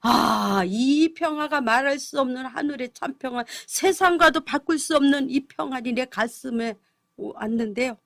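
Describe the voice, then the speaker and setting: High gravelly lady pastor, all worked up and teary, telling her testimony. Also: moderate pace, fairly bright tone, dry recording, clean studio sound. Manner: fervent, pleading, voice breaking into tears. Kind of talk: emotional testimony on a gospel broadcast.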